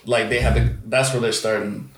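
A man's voice: mid-range voice, steady tone, moderate pace. Rambling man in an echoey room. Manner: rambling, laughing, quoting people. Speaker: podcast co-host. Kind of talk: casual chat. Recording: echoey room with faint noise.

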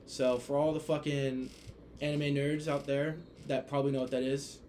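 A man's voice: mid-range voice, normal speed, a little hiss or hum. A man who is a podcast guest, chatting casually and telling stories with lots of swearing. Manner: animated storyteller, swears freely. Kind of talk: casual chat.

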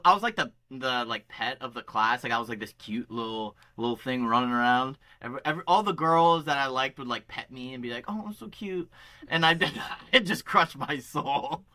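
A man in easy podcast chat, his voice bright and forward, at a middling pitch. He rambles through stories with a self-deprecating streak. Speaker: podcast co-host. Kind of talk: casual chat.

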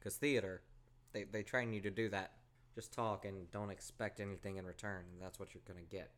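A man's voice: low voice, flat delivery, a little fast, fairly bright tone. A man in his twenties co-hosting a podcast, rambling in casual chat, swearing and poking fun at himself. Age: 20s. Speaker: podcast co-host.

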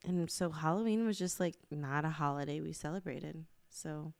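A woman's voice: low-pitched, steady tone, normal speed, gravelly, darkish tone, dry recording. A woman co-hosting a casual podcast, giggly and teasing. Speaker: podcast co-host. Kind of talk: casual chat.

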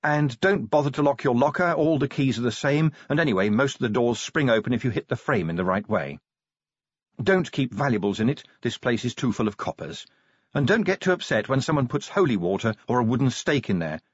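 A man voicing a young woman sergeant who is a werewolf, talking bluntly and briskly in an audiobook reading. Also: medium pitch, expressive, husky, no echo, pitched above the performer's own voice. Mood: brusque. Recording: dry, slightly dull audiobook recording.

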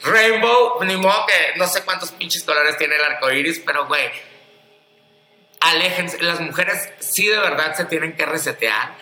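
Blunt, profane, and quick, a Mexican man chats on a podcast in a high, piercingly bright voice colored by a Mexican Spanish accent. He animatedly mimics other people to mock them, and the room around him echoes.

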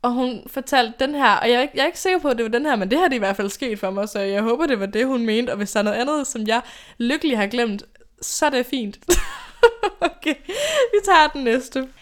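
Young female podcast host telling stories, chatty and rambling, smooth clear tone. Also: fairly high pitch. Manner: rambling, chatty, laughs often. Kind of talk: casual storytime chat.

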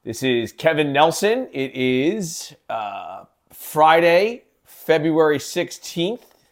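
A man's voice: fairly high pitch, very animated, slow pace. A man hosting his own podcast in a casual solo talk, rambling with many fillers and restarts. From living in Kansas City. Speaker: podcast host.

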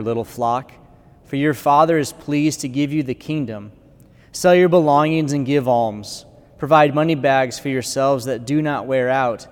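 A clergyman reading the gospel and preaching a conversational homily in a church with a cathedral-like echo. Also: mid-range voice. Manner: conversational preaching with fillers, bursts of loudness. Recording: long church reverb.

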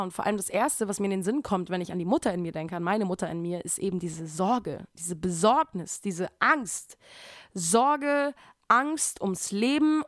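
Animated slangy woman, dry close sound. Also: mid-range voice, dry recording. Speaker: podcast host. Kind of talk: casual personal monologue.

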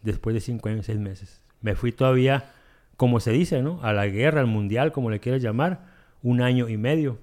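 A man telling his recovery testimony, halting and repeating himself, acting out dialogue as he goes. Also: medium pitch, a little mellow. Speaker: guest sharing a recovery testimony. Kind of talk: emotional personal storytelling.

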